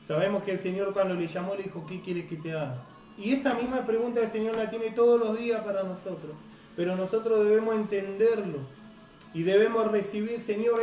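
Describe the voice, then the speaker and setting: A male preacher, giving an earnest, unhurried sermon that keeps asking "right?". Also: high-pitched, a little mellow. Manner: earnest, unhurried, frequent "right?" tag questions. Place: church hall. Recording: echoey hall, distant mic, faint noise.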